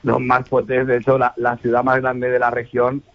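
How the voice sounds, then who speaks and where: A man's voice: mid-range voice, completely flat delivery, moderate pace, no room sound. A man, chatting casually in a radio interview with many fillers and restarts. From Spain, La Mancha. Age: 30s. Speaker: DJ and festival ambassador. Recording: muffled radio broadcast.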